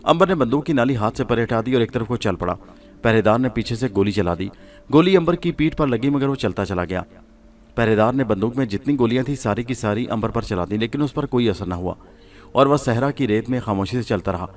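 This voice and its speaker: A man reading a suspense horror serial aloud as a storyteller, in a steady, measured way. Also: mid-range voice.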